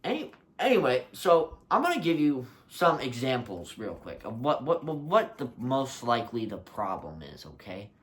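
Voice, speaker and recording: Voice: medium pitch, huge pitch swings, moderate pace, hardly any pauses. A young adult giving a casual, exasperated rant full of rhetorical questions, slightly muffled as if speaking from inside a rubber mask. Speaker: video creator.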